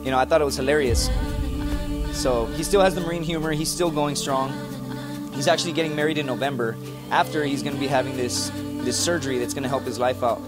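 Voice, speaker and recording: A young man telling a story to camera in an animated, profane way, calling the listener "dude" over and over. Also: mid-range voice, fast talker. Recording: echoey room with music behind.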